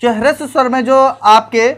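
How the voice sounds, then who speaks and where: High-voiced woman teacher drilling exam lessons. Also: steady tone, normal speed. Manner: repetitive drilling, asks and answers own questions. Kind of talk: exam-prep classroom lecture.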